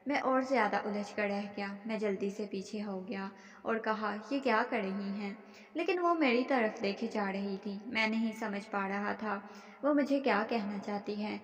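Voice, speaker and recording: A woman narrating a dramatic first-person story in a steady reading voice, in a dull, echoey recording. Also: medium pitch.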